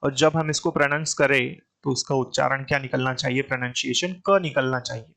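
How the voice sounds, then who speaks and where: A man with an Indian English accent teaches an exam-prep grammar lesson at an everyday mid pitch. He keeps firing questions at the class and answering them himself, calling the student "beta" as he goes. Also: fairly even intonation, fairly quick, gravelly, a bit bright.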